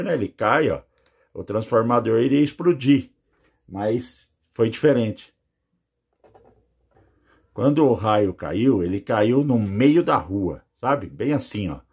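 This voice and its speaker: A Brazilian man, an adult with children, gives personal testimony as a near-death experience witness, rambling with many fillers. He speaks at medium pitch with a breathy edge and a Brazilian Portuguese accent.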